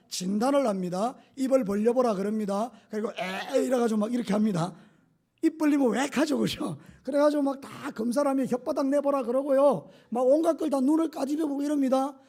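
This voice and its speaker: A man preaching a sermon as pastor, swinging from hushed tones to shouts and acting out quotes. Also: very high voice.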